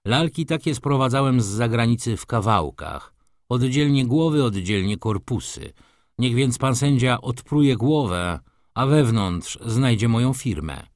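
A man voicing a calm, firm male merchant who speaks in a measured, composed way. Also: medium pitch, no room sound, studio quality, voice pushed up.

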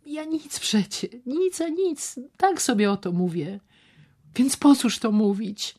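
A smooth, insinuating gambler who coaxes and half-whispers his offers, delivered slowly and deliberately, as a woman reads his part in an audiobook. His voice stays low in volume, slipping into breathy whispers as he presses his point. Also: very animated, exaggerated voice. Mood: persuasive. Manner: hushed, persuasive, often dropping to whispers. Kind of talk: audiobook character reading.

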